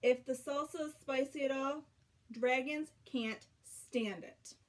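In a small bedroom at home, a woman with a high voice reads a children's picture book aloud in an animated, expressive way. She stretches out words for emphasis and adds dramatic pauses.

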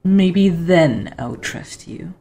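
Woman as Daffodil, a low-voiced prickly nun. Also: expressive, drawn-out words, creaky, dark tone, faint music behind, full character voice. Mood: suspicious. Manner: curt, dismissive. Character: prickly, haughty, suspicious young nun Daffodil.

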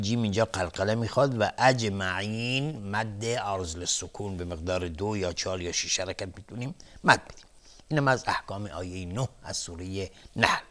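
Low-voiced man teaching recitation rules. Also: fairly bright tone. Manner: methodical, explains rules step by step. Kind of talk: televised tajweed lesson.

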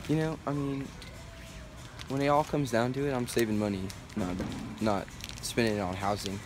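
A man's voice: medium pitch, fairly even intonation, normal speed, over music. A young man in his late teens bantering casually, laid-back and joking as he shops. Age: young adult. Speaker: vlogger's brother. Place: store aisle.

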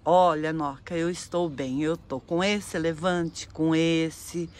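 Talking orchid, calm and content, slow and lowish, a woman voicing it. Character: contented potted orchid answering its grower.

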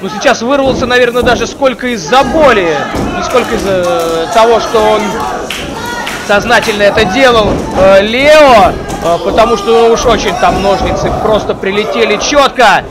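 A man giving live play-by-play as a wrestling commentator, breaking from hesitant analysis into excited exclamations. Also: high-pitched, moderate pace. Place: indoor wrestling event hall. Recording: noisy live arena, crowd behind. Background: crowd noise.

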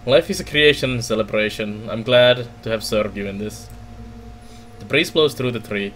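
A middle-aged man doing a let's play, reading game text aloud haltingly with casual commentary. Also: mid-range voice, fairly bright tone, slight background noise. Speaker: gaming let's player.

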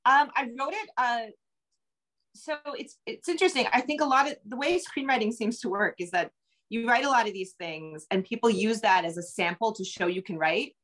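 Over a low-quality video call from her bookshelf-lined home, a middle-aged novelist and screenwriter with an American accent guests on an interview. She speaks a little high and a bit bright at normal speed, rambling casually and poking fun at herself.

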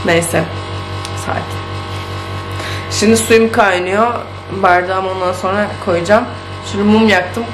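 A woman chatting casually in a home vlog, thinking aloud and easily amused, with faint music behind her. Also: mid-range voice. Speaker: vlogger. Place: home kitchen.

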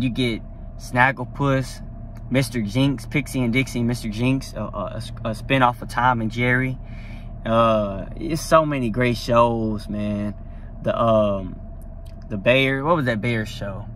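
A man's voice: medium pitch, fairly even intonation, unhurried, fairly bright tone, slight background noise. A young man talking casually to a phone camera from a parked car, rambling and enthusiastic with lots of fillers. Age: young adult. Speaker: vlogger. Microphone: phone at arm's length.

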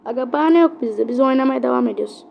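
A high-pitched woman narrating her own football match as she plays. Her voice has a gravelly fry running through it, and she swings from muttering complaints at the game to loud outbursts on big plays, then turns to her viewers with sheepish apologies. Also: fast talker, highs cut off, a little hiss or hum. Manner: excitable, grumbling at the game, yelling on big plays. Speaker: gamer. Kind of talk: gameplay commentary.

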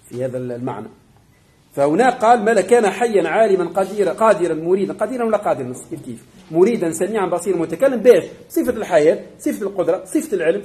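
Tunisian sheikh teaching doctrine to a class, super fast talker, keeps asking if everyone gets it. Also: male voice, high-pitched, darkish tone. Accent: Tunisian Arabic. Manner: explanatory, keeps checking the class understands. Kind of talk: religious doctrine lesson.

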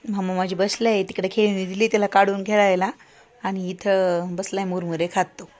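A woman's voice: medium pitch, flat delivery, moderate pace, a little mellow. A woman vlogging at home, chatting to the camera about her day in a casual way. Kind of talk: casual home vlog chat.

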